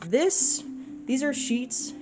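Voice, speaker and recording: A woman's voice: sits high, lively intonation, drawn-out words, a little mellow, soft background music. A young woman chatting casually through her day at home for a vlog, rambling with lots of fillers. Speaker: vlogger.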